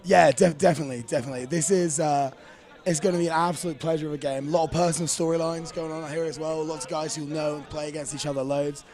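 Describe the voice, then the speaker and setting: A man's voice: fairly high pitch, fairly even intonation, fast, a little mellow. A young English man giving casual, chatty live commentary at a lacrosse match outdoors. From England. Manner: chatty, upbeat, slangy. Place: outdoors at a sports field.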